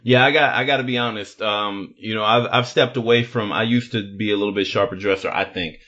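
Low-voiced man hosting a podcast. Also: steady tone, a little fast, sharp tone, muffled recording. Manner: thoughtful, rephrases and restarts questions. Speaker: podcast host. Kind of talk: interview questions.

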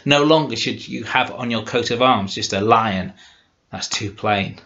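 A man's voice: on the low side, a little slow, bright, forceful tone. A man voicing frightened, grieving village folk in a folk tale, speaking in a pleading, earnest way. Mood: admiring. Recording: dull lo-fi recording.

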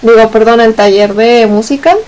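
A young woman with a Mexican accent chatting casually on a stream, blunt and swearing a lot, talking in long rushed runs. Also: on the high side, fairly even intonation, darkish tone, poor audio. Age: young adult. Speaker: guest on a gameplay stream. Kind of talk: casual chat.

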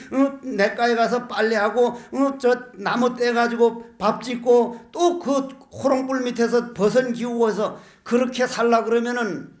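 An older man preaches, telling folksy jokes and tossing out rhetorical questions. He is a Buddhist monk giving a sermon. The sound is echoey, as in a large lecture hall. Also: extremely high pitch.

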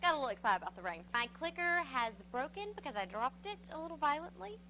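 A woman's voice: sits high, sing-song, fast. A woman giving a live weather report, flustered and apologetic. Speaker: weather forecaster.

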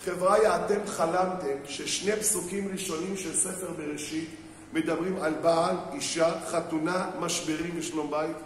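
High-voiced rabbi preaching in an echoey hall. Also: male voice, fairly even intonation. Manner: storytelling, acts out quoted people, asks the crowd questions. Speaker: rabbi giving a lecture on marriage. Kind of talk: sermon to a live audience. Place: synagogue hall with an audience. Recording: very echoey hall, faint background noise.

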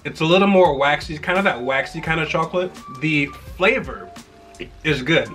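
A man's voice: fairly high pitch, animated, moderate pace, fairly bright tone, soft background music. A man hosting a casual taste-test vlog, chewing while he talks and thinking aloud. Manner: easygoing, thinking aloud with fillers. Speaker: channel host.

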